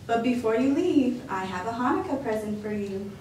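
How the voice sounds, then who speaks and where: A woman's voice: fairly high pitch, lively intonation, moderate pace, a little mellow, close to an everyday voice. A woman voicing a kindly, cheerful old grandmother who talks with fond teasing, in an echoey room away from the mic. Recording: echoey room, mic at a distance, faint noise.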